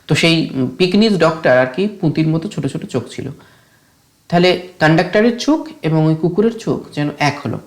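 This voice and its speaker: A woman teacher with a Bengali accent explains an English lesson in Bengali, reading English lines slowly and often checking that students follow. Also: low voice, animated. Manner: often asks "ঠিক আছে?" to check understanding.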